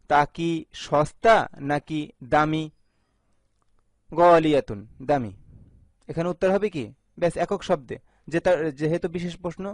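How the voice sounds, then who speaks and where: Bangladeshi guy teaching a video lesson, slow and repetitive, bit higher voice, dry close sound. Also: no room sound. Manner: slow, repeats each phrase with its translation. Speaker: Arabic teacher.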